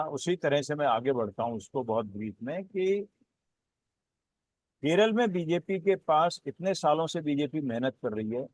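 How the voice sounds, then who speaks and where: Guy analyst on a panel, bit higher voice, dry close sound, steady careful talk. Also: no room sound. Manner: measured, builds points with repeated phrases. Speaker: political analyst. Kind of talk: panel discussion commentary.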